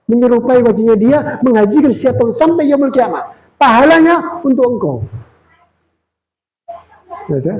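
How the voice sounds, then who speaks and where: A man giving a sermon as a visiting preacher in a small prayer room, telling a story in a lively way and acting out the quoted dialogue. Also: very high voice, a little hiss or hum, rough recording.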